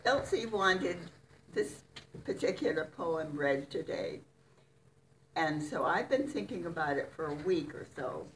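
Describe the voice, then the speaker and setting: An older woman, a former French teacher, reminiscing in a halting, wandering way. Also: low voice, animated. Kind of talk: reminiscing talk. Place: church fellowship hall. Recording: distant mic, faint room noise.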